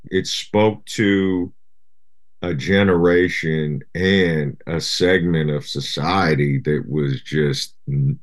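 Very deep-voiced relaxed man. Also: slow. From Japan. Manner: relaxed, rambling, many "you know" fillers. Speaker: guest rapper. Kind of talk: casual interview chat.

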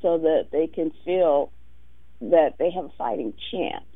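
An American woman with a raspy, sandpapery voice, hosting a conversational call-in radio show in a halting, reflective way. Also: deep voice. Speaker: radio talk show host. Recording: muffled, roomy phone-like radio sound.

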